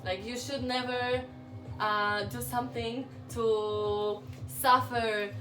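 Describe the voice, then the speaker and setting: A woman hosting a casual spiritual chat, bubbly and giggly, talking in quick bursts. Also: a little high, fairly even intonation, sharp tone, echoey room, distant mic, soft background music. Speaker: channel host. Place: flat in London.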